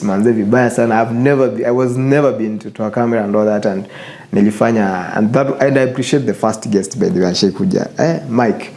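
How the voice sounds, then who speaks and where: A man's voice: medium pitch, vocal fry, mellow. A young man with a Kenyan accent hosting his show, giving casual, earnest advice to viewers, switching between English and Swahili and repeating phrases for emphasis. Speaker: show host.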